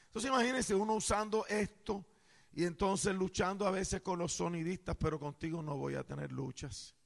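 Caribbean man preaching in a church, high gravelly voice, booming and joking with the crowd, long hall echo. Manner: loud, playful, jokes with the congregation. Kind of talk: sermon.

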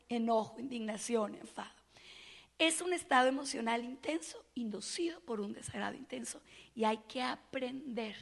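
A woman's voice: a little high, creaky, in a large hall. A woman giving a sermon-style talk, telling stories and acting out the people in them. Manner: animated storytelling, acting out quoted people. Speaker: speaker at churches.

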